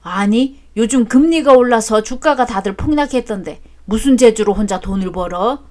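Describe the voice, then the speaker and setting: A woman voicing a grumpy older father-in-law who scolds loudly, in a storybook drama. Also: a little high, normal speed, natural voice. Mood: scolding. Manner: loud and scolding.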